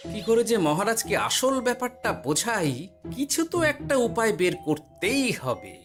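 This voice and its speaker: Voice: medium pitch, sing-song, normal speed, over music, lightly acted. An actor voicing Gopal Bhar, a shrewd, genial village grandfather in a Bengali cartoon, with a theatrical, folksy manner. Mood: genial, scheming.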